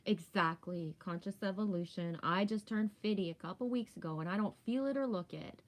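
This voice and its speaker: A woman about fifty, speaking a little fast in a mid-range voice, hosts a relaxed spiritual livestream. She rambles, stays candid and emphatic, and often finishes a thought by checking with a question.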